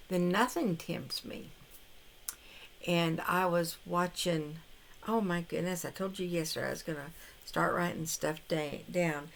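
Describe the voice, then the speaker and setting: A woman's voice: on the low side, creaky, a little hiss or hum. An older woman vlogging casually to camera, rambling and hesitant, with frequent restarts. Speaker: vlogger on a carnivore diet challenge. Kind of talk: casual talking-to-camera vlog.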